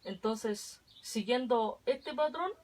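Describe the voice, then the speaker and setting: A woman's voice: fairly high pitch, expressive, slow pace, a little mellow, rough recording. A woman, teaching an online language lesson from home and patiently drilling syllables aloud.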